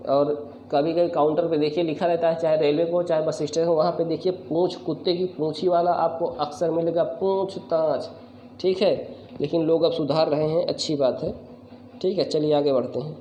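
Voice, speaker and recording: A man gives a Hindi spelling lesson to camera in a fairly high, mellow voice, speaking fairly quickly with fairly even intonation. He goes through words one at a time, correcting frequent errors and repeatedly addressing viewers as friend. The room is echoey, with faint background noise.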